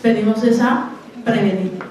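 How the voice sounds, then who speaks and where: Woman, Colombian accent, lecturer, slightly high voice, unhurried and deliberate, constantly asks the audience questions, heard from far off in a very echoey hall. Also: fairly even intonation, a little mellow, slight background noise. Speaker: conference lecturer. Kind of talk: university lecture. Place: university auditorium.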